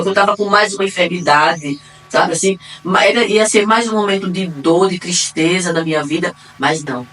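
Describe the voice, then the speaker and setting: A woman with a Brazilian accent giving a personal faith testimony, acting out the dialogue as she retells it and swinging between quiet and excited. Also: fairly low pitch, a little hiss or hum. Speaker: testimony giver. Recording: distant mic, faint room ambience.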